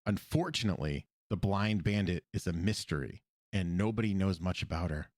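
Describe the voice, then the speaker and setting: A man with a very low voice talks through an animated episode in loose, chatty fashion, laughing along with his co-host. The sound is close and dry, with no room around it. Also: fairly quick, dry recording. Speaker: podcast co-host. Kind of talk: casual episode recap chat. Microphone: podcast microphone.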